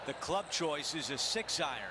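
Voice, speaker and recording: A man's voice: on the high side, expressive, moderate pace, background noise, lightly acted. A man playing a golf commentator, giving scores and shot calls in a video game broadcast style. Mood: animated. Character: animated male golf announcer following the leaderboard. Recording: music and crowd behind the voice.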